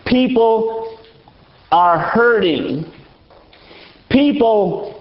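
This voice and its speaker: A man preaching a sermon in a church, slow and emphatic, repeating his phrases. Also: sits high, muffled recording. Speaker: pastor. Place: church sanctuary.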